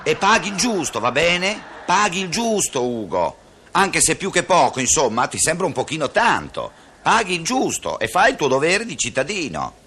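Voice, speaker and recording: A man's voice: fairly high pitch, very animated, normal speed, pushed and bright, slightly rough, exaggerated voice. A man playing a nagging, moralizing conscience in a radio comedy sketch, coaxing and scolding by turns. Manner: coaxing, scolding, repeats the other man's name. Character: nagging moralizing male conscience, talkative and reproachful. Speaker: comic actor.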